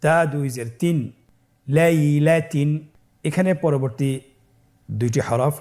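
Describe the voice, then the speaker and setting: A man teaching Quran reading, spelling out syllables slowly in a call-and-response lesson for students to repeat. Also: on the high side, darkish tone. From Bangladesh. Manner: slow, drawn-out spelling of syllables for repetition.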